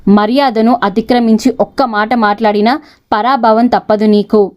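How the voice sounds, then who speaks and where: A woman's voice: on the high side, fairly even intonation, moderate pace, highs cut off, natural voice. A woman voicing an angry young man. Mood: stern, threatening. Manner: harsh, threatening, scornful.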